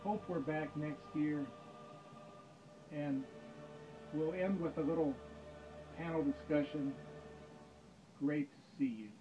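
A middle-aged man giving a joking keynote speech in a dim home planetarium room, dry and deadpan, speaking into a stand mic. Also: fairly high pitch, slow pace, pauses often, lo-fi sound, music in the background. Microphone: stand mic, camera in front.

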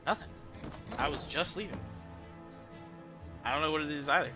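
A young man live-streams a video game, chatting casually and irreverently over the gameplay and swearing as he goes. His voice is on the high side, his pace moderate, with game music behind him.

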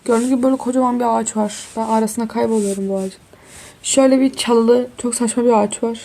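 A woman's voice: on the high side, steady tone, fast talker, vocal fry, noisy background. A tired young woman chatting casually through a life-sim game, exclaiming and talking to her viewers as friends. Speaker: gaming YouTuber. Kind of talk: casual game walkthrough commentary.

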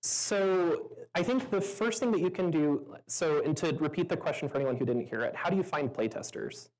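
Her voice is deep, animated and a little mellow, moving at a normal speed, though the recording is rough. She's a woman on stage at a meetup, taking questions from the audience in a relaxed, talkative way full of fillers, and she laughs often.

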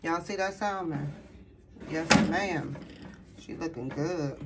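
In a very noisy recording, a home cooking vlogger speaks slowly in a low voice from her kitchen, filming on her phone. She's folksy and talkative, chatting casually and directly to her viewers, whom she calls "y'all."

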